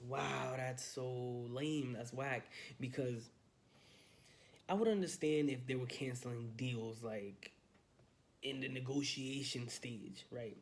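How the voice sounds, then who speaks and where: A man's voice: medium pitch, a little mellow. A young man, a realtor, talking casually and upbeat in a morning vlog from his study at home, filming handheld. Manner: chatty, loose and upbeat, lots of fillers. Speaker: realtor vlogger. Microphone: handheld phone camera.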